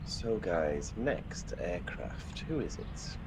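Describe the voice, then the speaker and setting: A Welsh live stream host whose accent carries some northern English influence offers casual, chatty aviation commentary and greets viewers warmly. His low voice is sing-song and slow, with vocal fry, over a noisy background.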